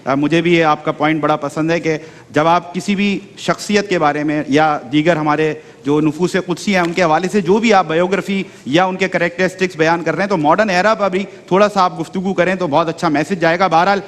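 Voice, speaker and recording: A male host moderates a TV speech contest and passes the floor to the judges. His voice runs fairly high. A long reverb fills the studio. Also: fairly even intonation, few pauses. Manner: moderating, brief acknowledgments. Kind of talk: TV show hosting.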